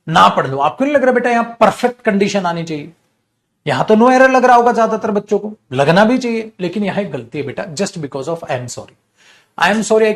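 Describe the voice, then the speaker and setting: A young adult man with a Hindi accent lectures a class on grammar, voice set a little high for a man. He scolds and pleads by turns, pressing every point hard and calling his students "beta". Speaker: English teacher.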